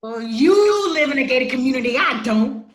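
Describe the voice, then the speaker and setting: In a dramatic reading of a family stage play, a woman acts a brash, resentful grown sister from Detroit who is quick to snap. Her high voice swings widely with lively intonation at normal speed as she sasses and fires back in slang, defensive and combative. The room is echoey.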